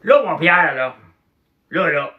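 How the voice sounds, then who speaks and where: A man with a Québécois accent imitating a loud, rowdy older man with a big gruff voice, booming and insistent at a kitchen table. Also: very animated, takes it slowly, highs cut off. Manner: booming, insistent, repeats "mon Pierre".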